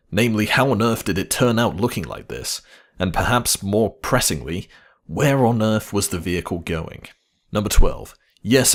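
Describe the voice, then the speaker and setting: Man, scripted countdown narrator, low pitch, highly varied intonation, playful wry delivery. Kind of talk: scripted list-video narration.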